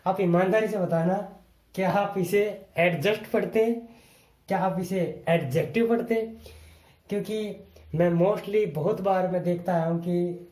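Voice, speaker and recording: A man's voice: high-pitched, measured pace, a little mellow, reverberant. A man teaching an English lesson to viewers, spelling words out letter by letter and patiently repeating each rule.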